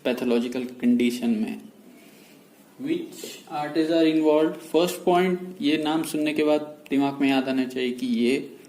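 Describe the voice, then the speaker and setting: A man giving a medical lecture in a mix of Hindi and English. He explains slowly and repeats key terms. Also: medium pitch, a little mellow. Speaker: medical teacher. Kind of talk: whiteboard lecture. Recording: echoey room with faint noise.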